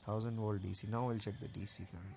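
A man with a low, gravelly voice that stays fairly flat as he talks through the wiring. He explains each part plainly, one step at a time, pausing on the odd "uh". A faint hiss of outdoor noise sits underneath. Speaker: solar installer explaining a setup. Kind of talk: casual technical walkthrough. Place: outdoors at a rooftop solar installation.

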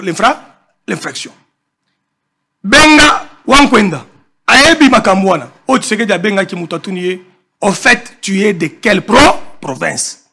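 A high-voiced man with a husky edge talks politics with fire. His tone is bright and sharp as he hammers his points home, repeating phrases for emphasis. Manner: animated, emphatic, mixes French and Lingala. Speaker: political guest. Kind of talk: impassioned political talk.

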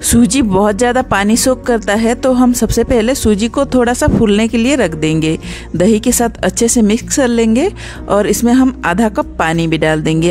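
A woman hosting a cooking channel, narrating a recipe step by step in a calm instructional voice-over. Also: a little high.

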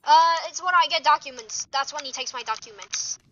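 A young woman giving dramatic, excitable gameplay commentary, gasping and gushing. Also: sits high, a little fast. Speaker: gaming streamer. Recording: dull lo-fi mic with faint noise.

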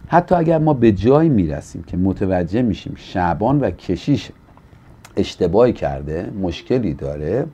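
A man's voice: low voice, very animated, mellow, husky. A pastor from Iran, a man, earnestly teaching on a studio talk show in a preacherly way. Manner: earnest and preacherly, acting out quoted people with a livelier voice.

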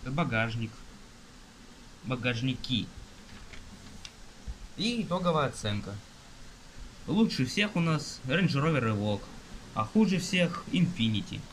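A young man with a bright, forceful tone talks casually while filming a magazine from above on his phone. He lists items haltingly with fillers, in a plain indoor room. Faint rain patters in the background. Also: medium pitch, very animated, a little hiss or hum, poor audio. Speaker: magazine reviewer. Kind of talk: casual page-flipping review. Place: indoors at a table, rain outside. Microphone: phone camera filming from above.

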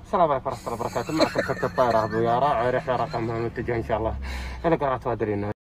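A man's voice: mid-range voice, fairly even intonation, rapid-fire, background noise, lightly acted. A man mimicking an airline captain's cabin announcement, with a formal announcer delivery, as a playful impression among friends. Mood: mock-formal.

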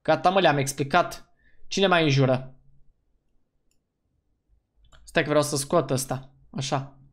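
A man giving let's-play commentary as a gaming YouTuber, excitable and slangy, breaking into loud whoops. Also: a little high.

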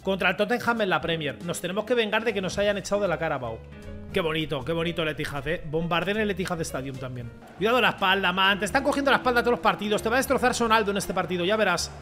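High-voiced man ranting over gameplay. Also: fast, faint music behind. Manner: rants, pleads and shouts at the game, swings from mutters to yells. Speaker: gaming streamer. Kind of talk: excited gameplay commentary.

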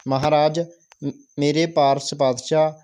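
A man's voice: a little high, flat delivery, unhurried, darkish tone, smooth, close to an everyday voice. A man reading the part of an eager, devoted old village woman in a school play, in his own voice. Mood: pleading.

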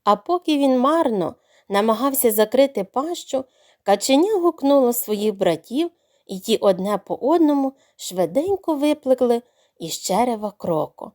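A woman narrating a children's audio fairy tale in an expressive storybook reading. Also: a little high, moderate pace.

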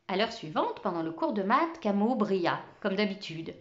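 Woman reader, storybook narration, expressive, mid pitch, muffled lo-fi recording. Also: moderate pace. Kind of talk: audiobook reading of a children's novel.

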